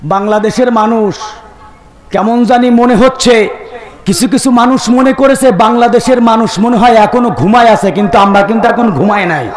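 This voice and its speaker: A hoarse man preaching a fervent sermon, shouting out calls to his listeners. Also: very high-pitched, normal speed, poor audio. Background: crowd.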